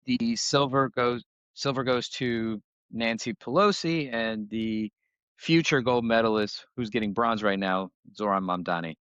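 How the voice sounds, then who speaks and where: A man's voice: medium pitch, unhurried, a bit bright, smooth, dry recording. Man, podcast co-host, casual joking chat, dry dull lo-fi audio. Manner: laid-back, jokey, reads notes aloud.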